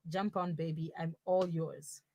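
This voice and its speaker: A woman's voice: low-pitched, fairly even intonation, a little slow, gravelly, darkish tone, exaggerated voice. A woman playing a dry, sarcastic young girlfriend. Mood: impatient. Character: blunt young woman stuck in her boyfriend's body. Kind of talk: comic audio drama.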